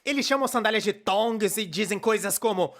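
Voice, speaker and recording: The narrator of this scripted fan dub is a chatty, excitable young male cartoonist with a playfully sarcastic streak, voiced enthusiastically by a man with a Brazilian accent. The pitch is high, the pace moderate and the tone a bit bright.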